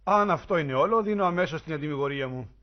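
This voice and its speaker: A man's voice: on the high side, animated, natural voice. A man voicing a skeptical listener who waves off a spooky tale, in a dry, dismissive manner. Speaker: listener in the story's frame. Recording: muffled lo-fi recording.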